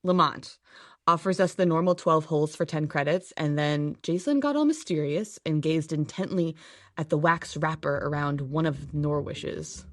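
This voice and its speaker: A woman's voice: sits low, normal speed, no room sound, natural voice. A woman narrating and acting a lead in an audio drama, dry, matter-of-fact and a little exasperated.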